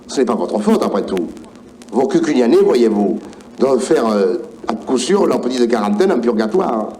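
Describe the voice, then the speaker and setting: An actor with a Provençal accent playing a genial, obliging old male saint who keeps heaven's gate, in a high, lilting voice. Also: sing-song, moderate pace, mellow, a little hiss or hum, lightly acted.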